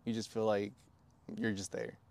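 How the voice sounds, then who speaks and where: A man's voice: on the low side, little pitch movement, normal speed, darkish tone. A young man in his twenties telling his story candidly in a casual podcast chat, with frequent fillers and swearing. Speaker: podcast guest.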